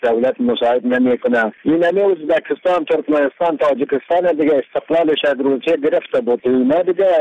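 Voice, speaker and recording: A man's voice: medium pitch, highs cut off. A man with a northern Afghan accent making a spontaneous spoken complaint as a radio listener's message.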